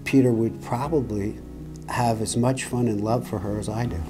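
A middle-aged man in an interview for a wedding video, telling stories in a warm, reflective way. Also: on the low side, fairly even intonation, normal speed. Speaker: groom. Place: small office, indoors. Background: soft guitar music.

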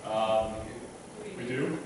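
His voice lowish and his words drawn out, a man in his thirties preaches casually from the pulpit, making fun of himself and stumbling at times amid many restarts and fillers. A distant camera films the pulpit microphone, so the church sounds echoey, with background noise.

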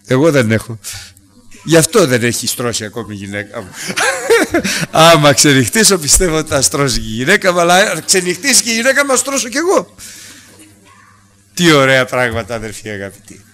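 A man preaching a Bible-study sermon to a congregation without a microphone, swinging from loud acted quotes to soft asides. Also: fairly high pitch, very animated, long pauses. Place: church hall without a microphone.

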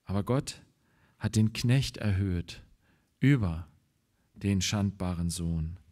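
A man with a German accent preaching a sermon as pastor, slow and deliberate, growing emphatic when he reads scripture aloud. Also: a little mellow. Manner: emphatic, rises in pitch and volume when reading scripture; slow, deliberate delivery with pauses.

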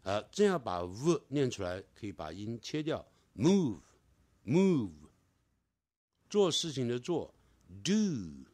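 A man teaching English pronunciation, repeating each word slowly and stretching out its sounds. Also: medium pitch, very animated. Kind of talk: classroom pronunciation lesson.

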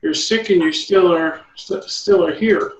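A man critiques a drawing for an online art group, encouraging and quick to restart his sentences. His voice sits a bit high, and the recording is roomy and muffled. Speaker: art instructor leading a meetup. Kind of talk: art critique, casual coaching.

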